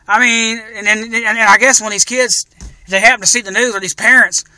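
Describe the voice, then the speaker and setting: A man rants in an indignant, repetitive way, tripping over his words and starting over. His voice is high and extremely bright and sharp. It sounds dry and close. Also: steady tone, fairly quick, no echo. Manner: indignant, repetitive, stumbling restarts. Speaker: video blogger. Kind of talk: angry ranting commentary.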